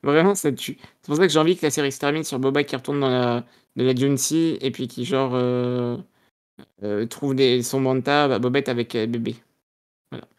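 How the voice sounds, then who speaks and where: Low-voiced woman gushing on a podcast. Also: fairly even intonation, normal speed, darkish tone, smooth. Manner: enthusiastic, gushing, many fillers. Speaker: podcast co-host. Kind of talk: casual podcast chat.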